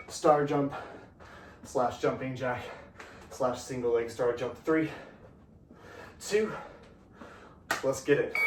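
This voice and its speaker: A man coaching a workout, counting down reps with encouragement while breathing heavily. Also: on the high side. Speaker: fitness instructor. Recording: echoey room, distant from the mic, noisy.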